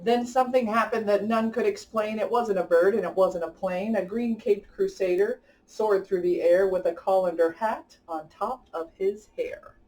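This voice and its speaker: A woman hosts story time for children, reading a picture book aloud and chatting enthusiastically, speaking directly to her young listeners. Her medium-pitched, darkish voice keeps fairly even intonation at a moderate pace with few pauses, recorded distant from the mic.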